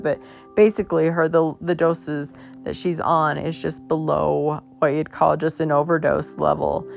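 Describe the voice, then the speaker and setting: A woman host telling a personal story in a casual, halting way, her voice worn as if she is losing it. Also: low voice, creaky, a little mellow. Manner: halting, many fillers and restarts. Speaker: podcast host.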